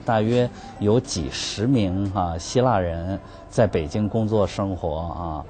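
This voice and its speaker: Halting low-voiced man with fillers. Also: dark tone, soft background music. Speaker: restaurant manager. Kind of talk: interview answer.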